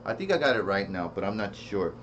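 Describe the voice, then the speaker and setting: Talking fast in a lowish but fairly bright, sing-song voice, a male product reviewer gives an off-the-cuff demo. He meanders, thinks aloud, and repeats himself, and the sound quality is dull and lo-fi with slight noise.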